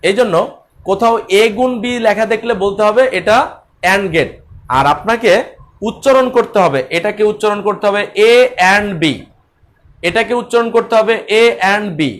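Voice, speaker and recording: A man's voice: high voice, moderate pace. A man teaching an online class in a Bangladeshi Bengali accent, repeating key points and speaking straight to his students.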